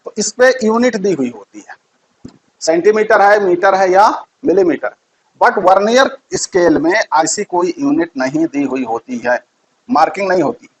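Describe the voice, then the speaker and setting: A man's voice: high voice, animated, a little slow, rough recording. A man giving a physics lesson, repeating key terms and quizzing his students. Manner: repeats key terms, asks quiz questions. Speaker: teacher.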